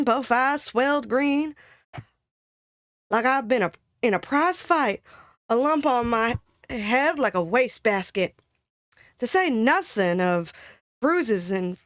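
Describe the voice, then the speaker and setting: A woman's voice: high voice, dry recording, studio quality. A woman voicing a chatty, dramatic young working-class woman in an old-timey comic monologue, gabbing in folksy slang. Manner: gabby, colloquial, exaggerated storytelling.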